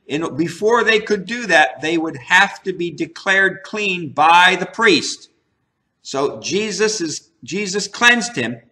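Bright, high-voiced man teaching the Bible. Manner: earnest, emphatic, repeats and restarts phrases.

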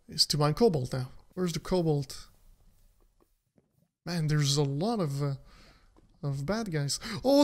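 Slow-talking, laughing game streamer. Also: medium pitch, vocal fry. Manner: chatty, laughs often, talks to viewers. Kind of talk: casual gameplay commentary.

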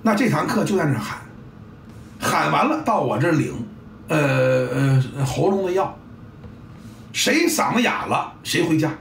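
A man's voice: fairly high pitch, big pitch swings, a little slow, vocal fry, pauses often, a little hiss or hum. A middle-aged man, a football coach giving a blunt, salty casual monologue and acting out sounds and scenes. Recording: roomy, distant mic, faint ambience.

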